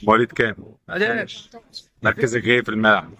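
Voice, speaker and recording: Brisk fast-talking Egyptian man interviewer. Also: lowish voice, fairly even intonation, a crowd in the background. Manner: brisk, repeats answers back. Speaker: interviewer at a youth football academy. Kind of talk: rapid-fire question interview.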